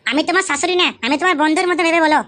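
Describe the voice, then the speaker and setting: A woman's voice: extremely high pitch, steady tone, rapid-fire, fairly bright tone. A woman voicing a coaxing mother-in-law in a comic skit, sweet-talking in a cajoling way. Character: coaxing middle-aged mother-in-law, thirties by her claim.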